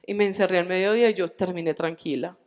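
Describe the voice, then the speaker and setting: A woman in her forties with a Colombian accent, telling a personal faith testimony at a church retreat, animated and acting out the dialogue. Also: fairly low pitch, fast talker, big-room sound. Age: 40s.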